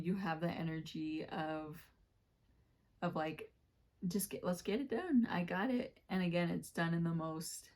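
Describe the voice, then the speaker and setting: Low, flat-voiced woman giving a tarot reading. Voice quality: slightly scratchy voice. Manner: rambling, warm-hearted, many fillers and self-corrections. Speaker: tarot reader. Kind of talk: casual tarot reading to camera.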